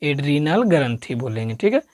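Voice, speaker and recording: A man's voice: on the high side, very animated, normal speed, no echo, clean studio sound. A man giving an exam-prep science lesson as a coaching teacher, quizzing the listener with repeated questions and drilling the answers. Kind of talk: exam-prep classroom lecture.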